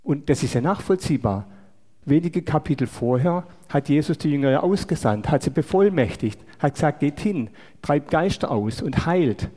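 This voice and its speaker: Mellow-voiced man preaching in a reverberant hall. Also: fairly high pitch, animated. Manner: measured, asks the listeners rhetorical questions. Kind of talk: sermon.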